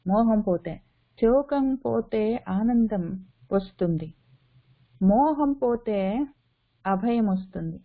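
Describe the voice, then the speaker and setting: A woman's voice: a little high, expressive, slow pace, long pauses. A woman teaching a Sanskrit scripture in a spoken lecture, repeating phrases for emphasis and mixing in English words. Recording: tinny phone-line audio.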